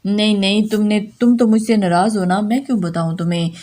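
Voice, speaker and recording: A man's voice: high voice, fairly even intonation, a little mellow, natural voice. A woman voicing a loving, teasing young man who turns protective, reading him in her own plain voice. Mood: affectionate teasing.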